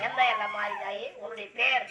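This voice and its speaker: High-voiced man coaxing at a temple rite. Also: fairly even intonation, brisk, dull audio, very noisy. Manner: coaxing, repetitive questions with shouted calls. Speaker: temple ritual drummer and officiant. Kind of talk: ritual questioning of a possessed devotee. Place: temple festival. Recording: echoey, distant mic. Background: drums and music.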